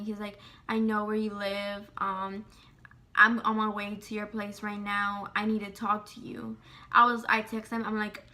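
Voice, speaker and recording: A woman vlogger telling a storytime in casual, profane, rapid speech, acting out the dialogue. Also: mid-range voice. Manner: profane, rapid, animated retelling with quoted dialogue.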